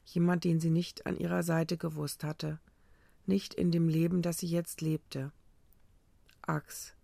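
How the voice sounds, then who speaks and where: A narrator reading a dramatic story aloud in a steady, even way. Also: medium pitch, a little slow, gravelly, no room sound. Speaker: audiobook narrator. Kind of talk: scripted narration.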